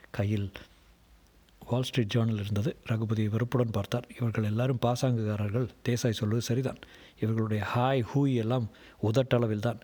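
A man reading a novel aloud as narrator, in a steady, measured storybook manner. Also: lowish voice, slightly rough. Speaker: audiobook narrator.

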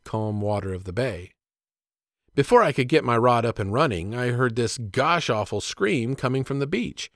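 A man narrating a personal story about himself as a father in measured, plainspoken scripted narration. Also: medium pitch, no echo, studio quality.

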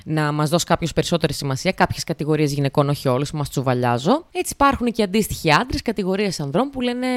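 Chatty young woman podcasting, low dry voice. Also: expressive, dry recording. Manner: chatty, rambling and sarcastic, with put-on voices for quotes. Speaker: podcast host. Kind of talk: casual solo podcast monologue.

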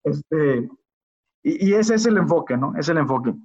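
Guy on a podcast, kinda high voice, earnest, keeps restarting words, dull lo-fi audio. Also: expressive, normal speed, darkish tone. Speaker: podcast guest, biotechnologist. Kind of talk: casual interview talk.

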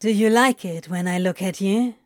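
A woman's voice: medium pitch, moderate pace, a little mellow, no echo, studio quality, lightly acted. A woman voicing a flustered, guarded male demon who talks in a blunt, clipped, offhand way. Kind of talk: fan audiobook reading.

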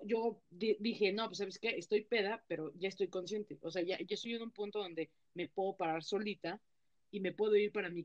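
A woman's voice: mid-range voice, lo-fi sound. Chatty young Mexican woman storyteller. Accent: Mexican Spanish. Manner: chatty, slangy storytelling with many fillers. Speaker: podcast co-host. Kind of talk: casual chat.

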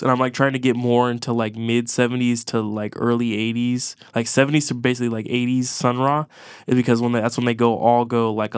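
A congested man rambles through a casual podcast chat, swearing freely and restarting his sentences. His voice stays smooth and level, with little rise and fall, on a close, dry mic. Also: mid-range voice, no echo. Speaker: podcast co-host. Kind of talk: casual chat about music.

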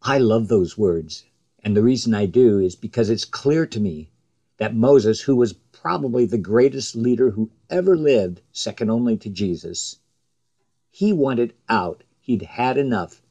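A man preaching a sermon in a slow, measured way, his voice rising with emphasis on the quoted cries. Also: lowish voice, expressive, mellow, highs cut off.

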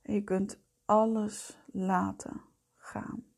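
A woman leading a guided meditation in a soft, breathy voice that often fades towards a whisper, soothing, gentle and unhurried. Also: medium pitch, flat delivery. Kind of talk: slow guided meditation narration.

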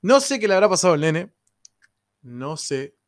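A man's voice: sits high, moderate pace. Laughing Argentine man telling anecdotes. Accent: Rioplatense Spanish. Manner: laughing, slangy, animated retelling with quoted voices. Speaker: storyteller.

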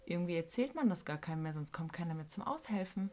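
Lebhaft erzählende Frau mit tiefer Stimme. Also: female voice, fairly low pitch, quick pace. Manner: animated storytelling, acting out quotes, slangy. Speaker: podcast co-host, care worker. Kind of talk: casual podcast chat.

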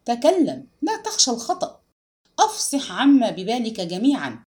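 A woman's voice: on the high side, big pitch swings, normal speed, darkish tone. A woman reading a story aloud, voicing a stern but kindly male law professor who speaks firmly and commandingly to a lecture hall. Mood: encouraging. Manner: firm, commanding, raises voice to the hall.

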